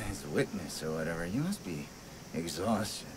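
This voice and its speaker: A man's voice: low-pitched, sing-song, takes it slowly, background noise, full character voice. An actor with an American accent playing a sadistic, chatty video game madman, glib, drawling and mock-friendly. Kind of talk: video game character acting.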